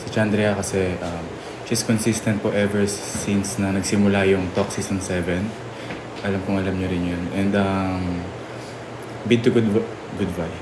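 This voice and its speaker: A young man nominating fellow housemates, halting and full of fillers and restarts. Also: low-pitched. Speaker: reality show housemate. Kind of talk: nomination confessional. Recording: echoey room with steady noise.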